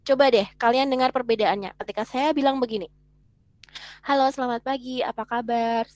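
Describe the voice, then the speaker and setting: A webinar teacher from Indonesia lectures online fairly quickly, using a high, animated voice and frequently turning questions to her listeners. Her sound is close-miked and dry, free of any room reverb.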